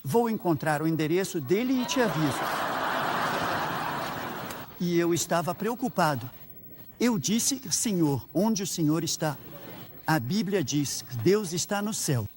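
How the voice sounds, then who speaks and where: A man's voice: on the high side, slight background noise. A man with a Brazilian Portuguese accent preaching a sermon as a pastor, telling stories and voicing prayers aloud with earnest fervor. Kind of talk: sermon with personal anecdotes.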